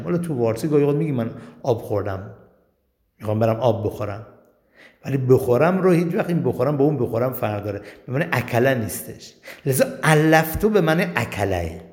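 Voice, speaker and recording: A man's voice: mid-range voice, darkish tone. Man teaching grammar in an echoey hall. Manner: explains step by step, asks and answers his own questions. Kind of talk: Arabic grammar lesson. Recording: long reverb in a hall.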